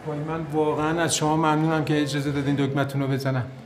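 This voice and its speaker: An actor playing a touchy building janitor in a sitcom, sarcastic, self-pitying and mock-grateful. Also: male voice, on the high side, completely flat delivery, noisy background, lightly acted. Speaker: building cleaner. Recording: roomy set with faint music.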